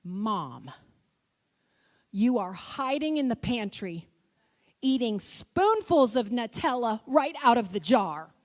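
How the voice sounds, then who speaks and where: A woman's voice: fairly high pitch, sing-song, slow, long reverb tail. Woman quoting a blunt eight-year-old girl. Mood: dismayed.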